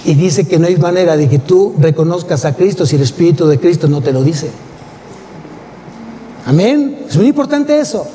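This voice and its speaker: Man, Mexican accent, pastor, emphatic sermon, rhetorical questions, high voice, church reverb, faint noise. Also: lively intonation, normal speed, mellow. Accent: Mexican Spanish. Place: church sanctuary.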